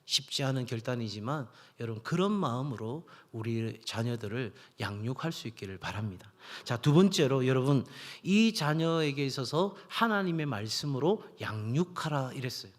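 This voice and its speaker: A man's voice: mid-range voice, animated, normal speed, few pauses. A middle-aged man, the senior pastor, preaching a sermon in a church and telling stories, sometimes acting out the voices in them. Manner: storytelling, acts out voices in anecdotes. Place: church sanctuary. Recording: long hall reverb.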